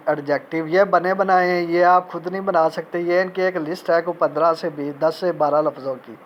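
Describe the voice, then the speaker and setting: A man teaching a recorded grammar lecture in Urdu, reading out English example sentences and repeating each point slowly. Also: high-pitched, highs cut off, slight background noise. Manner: mixes Urdu speech with spoken English examples.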